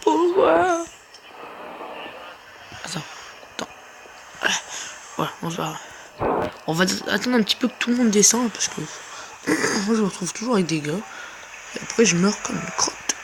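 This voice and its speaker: A woman's voice: mid-range voice, expressive, moderate pace, long pauses, noisy background. A woman hosting a gaming video in casual commentary, chatty and rambling, often repeating herself. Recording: music playing behind the voice.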